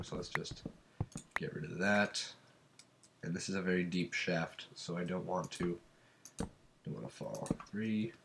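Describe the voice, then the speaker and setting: Man, very low voice, stuffed-up cold, casual gameplay commentary, thinking aloud, faint keyboard clicks. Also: a bit bright, a little hiss or hum. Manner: rambling, thinking aloud while counting. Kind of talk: casual let's-play commentary.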